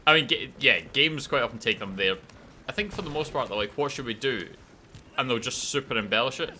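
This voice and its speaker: A man's voice: medium pitch, expressive, fast, sharp tone, slight background noise. A Scottish man chatting casually while streaming a game and reading chat aloud. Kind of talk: casual gameplay commentary.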